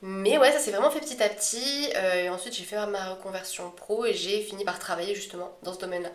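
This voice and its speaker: Woman, casual co-host chat, medium-pitched voice, echoey room sound. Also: fast talker. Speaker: astrology podcast co-host.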